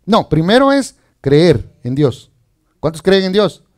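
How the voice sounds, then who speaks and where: A man's voice: high-pitched, sing-song, takes it slowly. A man preaching as pastor, reading scripture and asking the congregation questions in a chatty, conversational way. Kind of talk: sermon.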